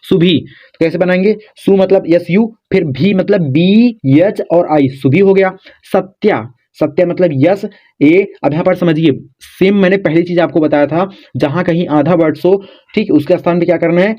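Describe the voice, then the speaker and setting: A man teaching viewers how to spell words, who spells letters out slowly and keeps checking in with "okay". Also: high voice. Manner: repeats "theek hai" often, spells letters out slowly. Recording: dull lo-fi sound.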